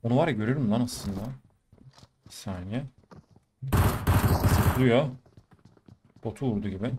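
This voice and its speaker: A man giving casual running commentary over mobile shooter gameplay, talking to his viewers with sudden bursts of excitement. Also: medium pitch, a little slow, heavy background noise. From Turkey. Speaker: gaming YouTuber.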